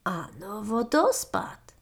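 A woman doing a gruff, terse badger. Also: medium pitch, slow, heavily acted. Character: grumpy male badger, gruff and laconic.

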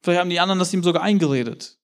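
A man's voice: high voice, racing. A young man giving a sermon in a casual, youthful way, acting out the quotes of the people he tells about. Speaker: preacher.

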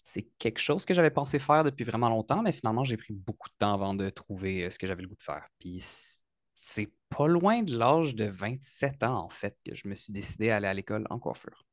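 A man in his thirties with a Quebec French accent, a hairstylist guest talking in a relaxed, hesitant way with fillers. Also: fairly low pitch, a little fast, no room sound, studio quality. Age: 30s. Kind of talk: casual interview.

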